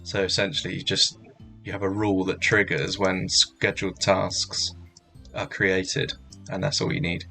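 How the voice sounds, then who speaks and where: A man streaming a hacking challenge walkthrough, talking casually in halting, rambling sentences full of fillers. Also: low-pitched, little pitch movement, gravelly, pushed and bright, soft background music. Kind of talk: casual livestream commentary.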